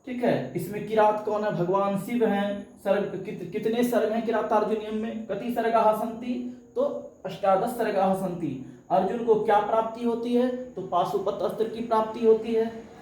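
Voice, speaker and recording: A man's voice: high-pitched, fairly even intonation, normal speed, warm tone, roomy sound, rough recording. A man teaching a live coaching lesson. He asks questions and answers them himself, and sometimes chants verses.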